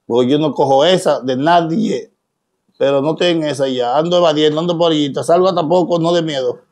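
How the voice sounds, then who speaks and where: A man's voice: on the high side, fairly quick, darkish tone. A man with a Dominican accent speaking straight to his followers, emphatic and preachy, full of rhetorical questions. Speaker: social media personality. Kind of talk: direct-to-camera monologue.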